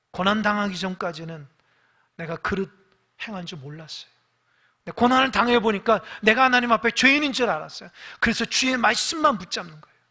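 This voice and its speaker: A male pastor preaches in a church sanctuary, his voice sitting high for a man. His tone is bright and ringing. He puts questions straight to the congregation and jumps from loud emphatic bursts to near-whispered asides. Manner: preaching with sudden loud rises and hushed asides; addresses the congregation directly with questions. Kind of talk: sermon.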